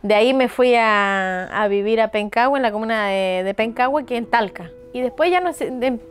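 An Argentine woman in her thirties who runs her own mechanic business speaks in a slightly high, clean voice at a moderate pace, her accent clearly Argentine. Chatting casually in an interview from an open outdoor shed at her home, she laughs readily and acts out what others told her.

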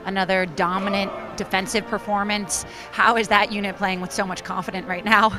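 A young female sideline reporter speaking into a handheld mic outdoors on a football field at night. Her questions come out polished and friendly. Broadcast music is clearly audible behind her. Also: medium pitch, flat delivery, fairly quick. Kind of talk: postgame sideline interview.

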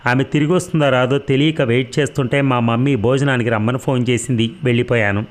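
A man's voice: medium pitch, steady tone, quick pace, lightly acted. A man reading an audiobook, voicing a frightened young man who pleads his innocence. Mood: pleading. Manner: pleading, desperate.

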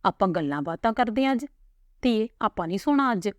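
A woman narrator voicing a gentle middle-aged mother who speaks softly and comfortingly. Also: mid-range voice, animated, fairly quick, no echo, clean studio sound, voice pushed up, lightly acted. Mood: soothing.

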